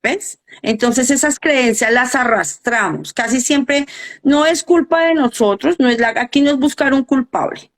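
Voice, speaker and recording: A woman's voice: high voice, unhurried. Earnest middle-aged woman explaining parenting. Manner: earnest, explanatory, asks rhetorical questions. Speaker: guest coach and educator. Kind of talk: live interview talk.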